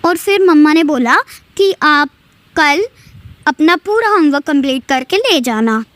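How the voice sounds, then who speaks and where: A woman's voice: high voice, lively intonation, measured pace, a bit bright, no echo. A young girl earnestly recounting a pilgrimage and school day, thanking her guru again and again. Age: child. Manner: earnest storytelling with devotional thanks; childlike, breathless retelling. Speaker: devotee sharing a testimony. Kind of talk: devotional testimony.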